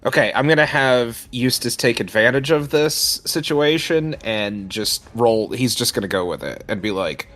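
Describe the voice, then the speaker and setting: A man's voice: mid-range voice, animated, moderate pace, hardly any pauses, fairly bright tone, soft background music. A man playing a tabletop game, cheerful and inquisitive, laughing as he asks questions. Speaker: player. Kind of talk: tabletop role-play.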